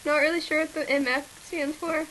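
Teen girl, playful vlog co-host; high, bright and bubbly, on a webcam mic in a home kitchen. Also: steady tone, normal speed, poor audio. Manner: bubbly and teasing. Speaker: co-host of a home cooking video. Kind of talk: playful casual chat. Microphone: laptop webcam mic.

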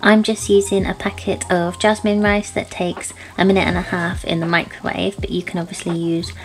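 A young woman from the United Kingdom talking casually through a cooking vlog in her home kitchen, relaxed and chatty, with filler words as she goes. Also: fairly low pitch, normal speed, over music. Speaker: vlogger. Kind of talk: casual cook-along vlog.

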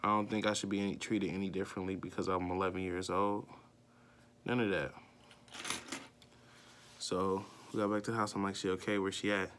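A young man vlogging, telling a personal story in a loose, profane, filler-heavy way. His voice climbs higher and louder when he gets worked up. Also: level tone, brisk, pauses often, background noise.

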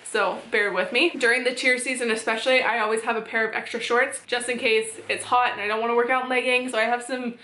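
A young woman in her twenties vlogs from a small bedroom, talking casually and cheerfully to the camera. Her voice sits a touch high and sounds bright and sharp. The room gives a noticeable echo. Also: little pitch movement, fast, hardly any pauses. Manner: chatty, upbeat, showing items one by one. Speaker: fitness vlogger. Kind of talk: casual chat.

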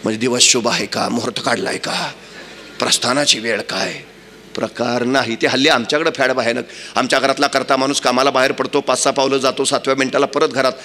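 A man's voice: mid-range voice, steady tone, a little fast, sharp tone, slight background noise. A man telling history as a dramatic speech, theatrical and acting out battle cries and characters. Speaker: orator and storyteller.

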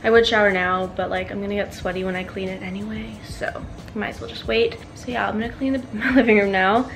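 A woman's voice: medium pitch, fairly even intonation, fairly quick. A woman vlogging casually at home, chatty and full of "like" fillers. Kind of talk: casual vlog narration. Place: at home indoors.

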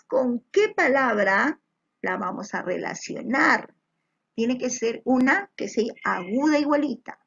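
A woman's voice: on the high side, vocal fry, breathy edge, lo-fi sound. A woman teaching young children a spelling lesson over slides, patient and encouraging, checking often that they follow. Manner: addresses pupils as little children. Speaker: primary school teacher.

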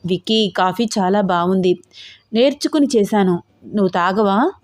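A woman's voice: medium pitch, lively intonation, normal speed, darkish tone, no room sound, close to an everyday voice. A woman voicing a young wife in her twenties who pleads and coaxes. The recording is dry and close. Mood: coaxing. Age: 20s. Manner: pleading, coaxing. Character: young newlywed wife, pleading and sweetly pouty.

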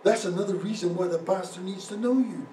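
A middle-aged male pastor preaches with a high, mellow voice, building emphasis as he speaks. He stands some way from the microphone, and the room lends a noticeable echo. A faint hiss sits underneath. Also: fairly quick, distant mic. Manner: preaching with rising emphasis, ad-libbing. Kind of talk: sermon. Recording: roomy echo, speaker away from the mic.

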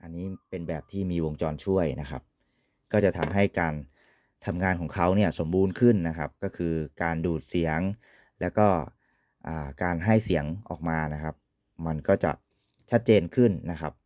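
Deep-voiced man explaining gear. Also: moderate pace, darkish tone, a little hiss or hum. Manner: polite, repetitive sentence-ending particles. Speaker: radio equipment reviewer. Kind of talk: informal explanatory product demonstration.

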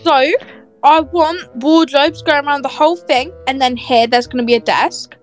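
A woman's voice: sits high, normal speed, natural voice. A woman playing a bossy, snobby young woman. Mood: haughty. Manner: bossy, dismissive, self-satisfied. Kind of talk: game role-play voice acting. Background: faint music.

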